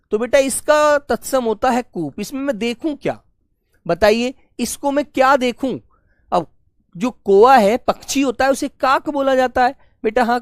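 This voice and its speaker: A man teaching an online language class, who asks each question again and again, calls his pupils "beta" and gently scolds them. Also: extremely high pitch, no echo, clean studio sound. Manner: gently scolding, patient explainer. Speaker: Hindi teacher. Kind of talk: live online exam-prep class.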